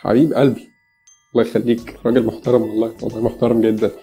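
A man's voice: mid-range voice, level tone, rapid-fire, dark tone, faint music behind. A man with an Egyptian accent giving a casual English pronunciation lesson, chatty and joking as he talks straight to the viewer. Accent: Egyptian Arabic.

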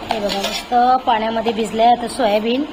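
A woman's voice: fairly high pitch, little pitch movement, fairly quick, noisy background. A woman home vlogger chatting casually in her kitchen and playfully scolding her pet.

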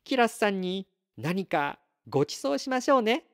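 A man doing a gentle, thankful mother. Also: high voice, big pitch swings, moderate pace, no echo, clean studio sound, pitched above the performer's own voice. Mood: grateful. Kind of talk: storybook read-aloud.

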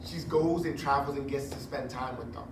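A man in his forties preaching a sermon on a church stage into a handheld mic, chatty and animated with joking asides. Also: mid-range voice, fairly quick, far from the mic. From Puerto Rico heritage. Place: church stage with curtain backdrop. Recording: echoey room, recorded from afar, noisy.

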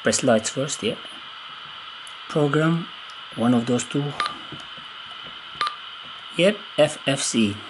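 An amateur radio hobbyist, a man who isn't a native English speaker, gives an unscripted, casual demonstration of his equipment at a wooden table indoors. He speaks in a mid-range voice, thinking aloud in hesitant, halting bits, and the handheld camera captures clear audio with background noise.

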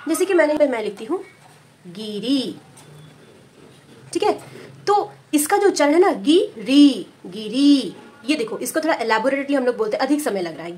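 A woman teaching a Hindi lesson for parents. She explains patiently, repeats key words slowly, says "okay" often and mixes in English words. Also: fairly high pitch. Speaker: preschool teacher.

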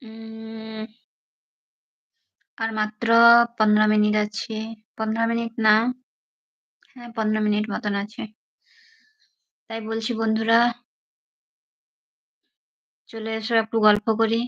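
A young woman chats with her live-stream viewers, playfully begging them to say something. Her voice sits a little high yet stays fairly flat. The sound is dry and close, with the dull, lo-fi quality of a phone mic. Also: a little slow, pauses often, no echo. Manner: coaxing, playful, pleading for viewer replies.

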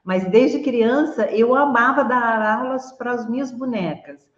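A woman's voice: a little high, measured pace. Woman hosting a chat on a video call, gushing, laughs a lot, echoey muffled sound. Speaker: host. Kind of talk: casual interview over video call. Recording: roomy, dull lo-fi video call audio.

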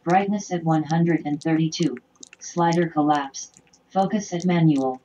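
A synthetic female screen reader voice reading settings in a flat, quiet way, heard as a dull lo-fi sound through a computer speaker. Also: sits low, unhurried, a little hiss or hum. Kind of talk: automated screen reader readout.

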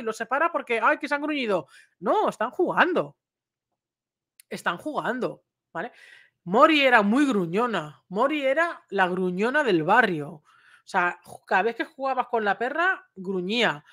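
Chatty woman. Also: on the high side. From Spain. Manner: chatty, checks in with frequent tag questions; animated, acts out little quoted exchanges. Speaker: dog trainer. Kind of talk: informal educational talk to camera.

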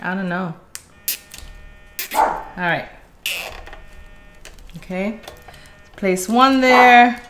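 On a very noisy recording, a middle-aged craft livestream host talks casually to viewers from a room at home, referring to them as "guys" as she works. She uses a mid-range voice, draws out her words, and pauses often.

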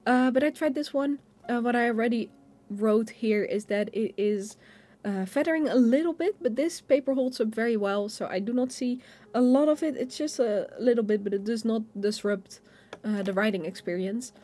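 A woman's voice: fairly high pitch, normal speed, dark tone. Chatty young woman showing pens. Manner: chatty, hesitant, with fillers and restarts. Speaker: stationery vlogger. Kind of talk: casual show-and-tell narration. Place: home desk indoors. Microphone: overhead camera over a desk.

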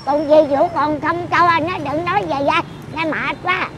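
A woman's voice: high-pitched, fairly even intonation, moderate pace, background noise. A woman in her eighties chatting casually outdoors, blunt and teasing as she scolds the person she talks with. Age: 80s. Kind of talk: casual chat.

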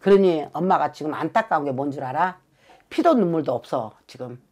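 A woman's voice: sits low, lively intonation, a little fast, darkish tone. A woman from South Jeolla working as a fortune teller, giving a blunt, emphatic reading with some swearing and repeated "right?" checks. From Suncheon, South Jeolla, Korea. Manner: blunt and emphatic, swears, keeps pressing for agreement. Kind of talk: fortune-telling consultation.

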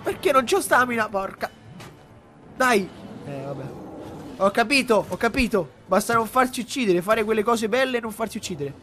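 Excitable young man shouting over gameplay. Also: high-pitched, normal speed, pauses often, soft background music. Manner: excitable, swears, shouts and repeats words in bursts. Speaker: gamer commentating his own play. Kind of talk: live gameplay commentary.

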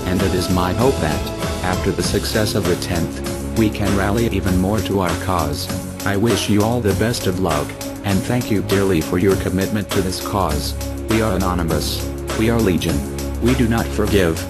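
A man delivering a formal, measured scripted statement as an anonymous spokesperson, his voice disguised to sound deep. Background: music.

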